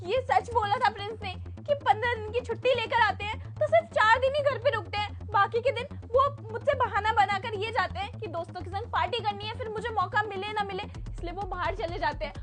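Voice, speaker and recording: A woman acting as a young wife in a family skit, accusing her husband loudly and emotionally. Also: extremely high pitch, a little fast, hardly any pauses. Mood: hurt, pleading.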